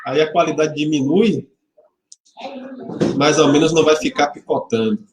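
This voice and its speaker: A man of about forty from Salvador, Bahia, Brazil, pastors a livestreamed church service from a church hall, chatting casually, greeting viewers by name, joking lightly and leading a prayer. His voice is a little high, steady in tone, at a moderate pace. The webcam microphone gives a roomy sound.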